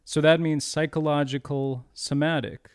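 Deadpan podcast co-host man, smooth dry voice. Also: on the high side, moderate pace, dry recording. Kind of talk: casual comedic chat.

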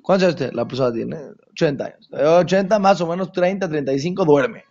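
A man teaching a religious lesson to an audience, stressing his points by repeating phrases and dropping into hushed asides. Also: fairly high pitch, a little fast. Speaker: Torah teacher. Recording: dull lo-fi recording.

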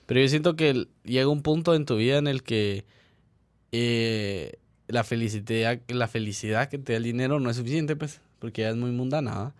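A young man, co-hosting a casual podcast chat and explaining his views through everyday examples in relaxed slang. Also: medium pitch, normal speed, dry recording. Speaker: podcast co-host.

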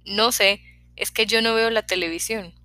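A woman's voice: medium pitch, steady tone, moderate pace, sharp tone, no room sound, studio quality, lightly acted. A woman reading a shy, terse teenage boy. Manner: terse, hesitant replies. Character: shy quiet teenage boy, few words.

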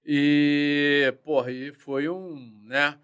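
A man, a former police chief telling war stories in a slangy, profane, animated way. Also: fairly high pitch, drawn-out words, smooth. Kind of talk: casual storytelling interview.

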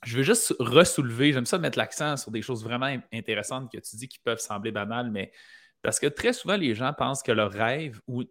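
Quebec guy hosting, mid-pitch voice, reflective, circles around his questions. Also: a little fast, a bit bright. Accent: Quebec French. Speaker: podcast host. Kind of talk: conversational interview.

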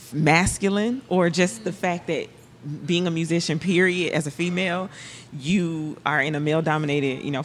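A woman's voice: low-pitched, slight background noise. A woman with a country Southern US accent, chatting casually as a drummer and podcast guest. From Alabama, United States. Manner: country-sounding way of talking. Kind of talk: casual chat.

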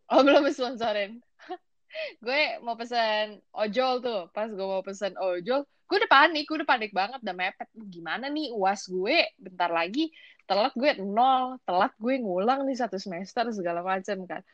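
A young woman, co-hosting a podcast and telling a story in casual, slangy, animated chat. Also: a little high, no room sound, muffled recording. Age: young adult. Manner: animated, slangy, quick bursts of excitement. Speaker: podcast co-host.

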